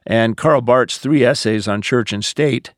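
Speaking with a mid-range voice, this American man takes questions as a pastor and answers them in a calm, explanatory podcast manner. The audio has no echo and is studio quality.

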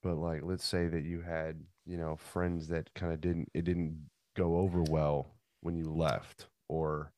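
A man with a deep, low voice chatting casually and informally as a podcast co-host. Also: flat delivery, unhurried, hardly any pauses, mellow, no echo, studio quality. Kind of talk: casual chat.

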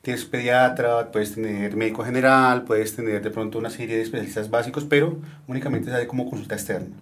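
A doctor from Colombia answering interview questions, explaining plainly and steadily with frequent fillers. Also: male voice, medium pitch, steady tone, fast, a bit bright.

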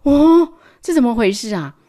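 A woman reading a picture book aloud to children, animated, with playful sound words and hushed asides. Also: a little high, moderate pace. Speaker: storyteller. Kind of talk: storybook read-aloud for children.

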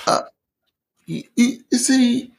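A middle-aged Ghanaian man speaks slowly as an interview guest, his voice gravelly with fry. He talks hesitantly, with lots of fillers and false starts, in a relaxed storytelling way. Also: extremely high pitch. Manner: hesitant, many fillers and restarts. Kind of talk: conversational storytelling.

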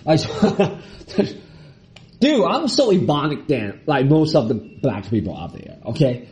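A man's voice: fairly high pitch, slow. A man hosting a comedy podcast, talking in a casual, joking monologue, with a Mandarin Chinese accent and English phrases mixed in. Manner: animated, mixes English phrases, mocking voices.

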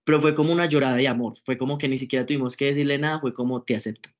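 A young Colombian man speaks as an interview guest in a middle-pitched voice, talking in a loose, chatty way with lots of fillers. His delivery is lively and personal. The recording is a little dull and lo-fi. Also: rapid-fire. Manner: chatty, filler-heavy, expressive. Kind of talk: casual storytelling interview.

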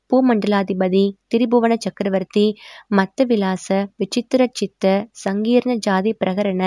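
A woman narrating a historical novel as an audiobook, in a formal, measured storytelling manner. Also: medium pitch, darkish tone, dry recording, clean studio sound.

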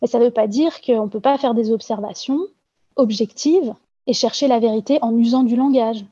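French woman, muffled dark voice. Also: a little high, steady tone, moderate pace, breathy edge, no room sound. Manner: hesitant, many fillers and restarts. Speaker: interviewee giving testimony. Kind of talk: earnest spoken testimony.

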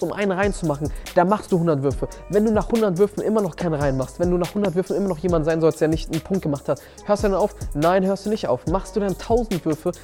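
Emphatic German motivational podcaster. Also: male voice, a little high, mellow. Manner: emphatic, repeats key words, frequent restarts. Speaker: podcast host and seminar coach.

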